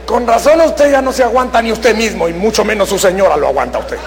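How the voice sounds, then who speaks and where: A middle-aged man preaching a sermon to a congregation, swinging from shouts to hushed asides. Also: sits high, quick pace, creaky, rough recording. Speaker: pastor. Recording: faint mains hum.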